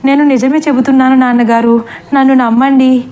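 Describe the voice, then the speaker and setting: A woman's voice: high-pitched, little pitch movement, fairly quick, mellow, lightly acted. A woman voicing a guilty young man who begs his parents tearfully, in a storybook reading. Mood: pleading. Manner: tearful, pleading.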